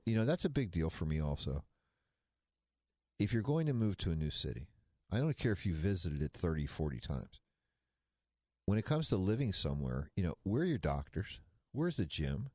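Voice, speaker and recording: A man's voice: low voice, big pitch swings, normal speed, pauses often, warm tone, no room sound, studio quality. A man in his sixties co-hosting a financial talk show, chatting casually with folksy, rambling asides. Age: 60s. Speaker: financial radio show co-host. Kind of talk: casual talk radio chat.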